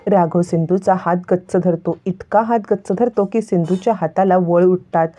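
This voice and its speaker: A woman's voice: lowish voice, normal speed, dark tone. A woman retelling the scenes of a television serial as a story, voicing the characters' lines along the way. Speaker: narrator.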